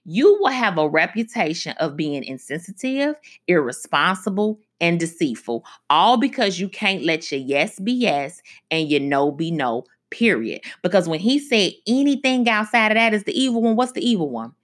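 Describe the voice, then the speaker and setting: A woman hosting a faith-based radio talk, preaching conversationally and slowing down for emphasis. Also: lowish voice, very animated. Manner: conversational preaching, slows down for emphasis, frequent asides. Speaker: radio show host.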